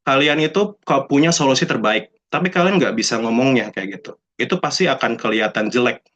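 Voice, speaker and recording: Relaxed young man. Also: mid-range voice, a little fast. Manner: chatty, mixes in English phrases, acts out quoted people. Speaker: alumnus speaker. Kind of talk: casual talk to students. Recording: dull lo-fi sound.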